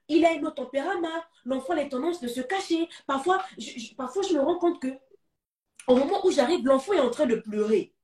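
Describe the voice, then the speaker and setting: A woman's voice: high voice, lively intonation, fairly quick, darkish tone, echoey room, far from the mic. A woman with a Gabonese French accent giving advice to parents on a talk show, urging them in emphatic, repetitive exhortations.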